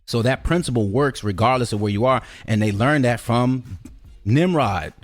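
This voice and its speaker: Over soft background music, a male podcast host with a mid-range voice talks at a normal speed about spiritual and cultural ideas. His conversational delivery is emphatic, and he repeats key phrases for effect.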